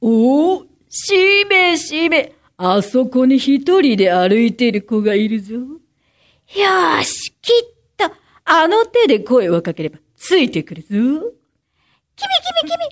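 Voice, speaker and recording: A woman's voice: sits high, huge pitch swings, slow, heavily acted. A woman playing a scheming middle-aged man who coaxes a child to follow him, in a crime-prevention radio skit. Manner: wheedling, sneaky coaxing. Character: sly scheming middle-aged male child-luring stranger.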